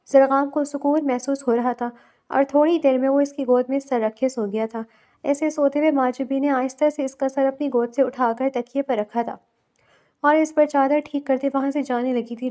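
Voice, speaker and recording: A woman narrating a romantic novel aloud with steady, emotive storytelling. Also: sits high.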